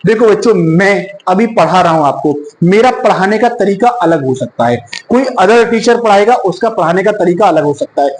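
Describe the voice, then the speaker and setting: A man's voice: sits high, expressive, normal speed, hardly any pauses, reverberant, slight background noise, poor audio. A male teacher lecturing to students, often checking in with "yes or no" questions. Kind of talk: classroom lecture.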